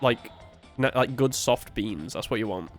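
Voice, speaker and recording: A man co-hosting a casual game playthrough, telling stories in an animated way, swearing, laughing and often tripping over his words. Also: mid-range voice, normal speed, soft background music. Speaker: co-host of a gaming playthrough. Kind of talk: casual chat over gameplay.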